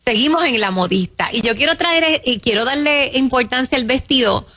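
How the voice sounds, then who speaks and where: A woman preaching in an emphatic sermon style on a radio show, calling her listeners her children and slowing down to stress key phrases. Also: high voice, animated. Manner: warm, emphatic, addresses listeners as "mis hijos".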